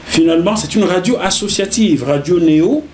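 Animated Cameroonian man telling his story. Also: high-pitched, fairly quick, a little hiss or hum. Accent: Cameroonian French. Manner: animated, repeats words while telling a story. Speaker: interview guest, journalist. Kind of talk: casual interview storytelling.

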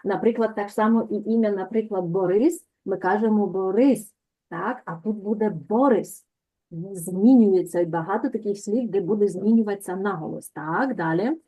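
A woman teaching a language lesson over a video call, patiently repeating words slowly to correct pronunciation. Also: medium pitch, mellow.

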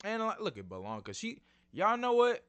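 This is a young man talking to his channel's viewers in a loose, slangy way, excitable and quick to call out to them. His voice is bright and cutting, a touch high for a man, and it rises and falls a lot. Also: clean tone. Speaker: YouTube channel host. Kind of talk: casual trailer breakdown vlog.

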